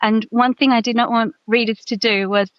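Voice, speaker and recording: A woman's voice: a little high, steady tone, normal speed, no echo, dull audio. Australian woman in her fifties, chatty guest. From Tasmania, Australia. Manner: thoughtful, self-deprecating, many fillers. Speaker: guest author. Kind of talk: casual interview chat.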